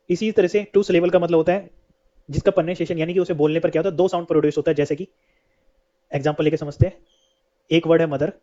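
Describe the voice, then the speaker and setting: A man's voice: fairly high pitch, mellow. A man teaching an English lesson, who keeps asking questions and then answers them himself. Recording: dull lo-fi sound.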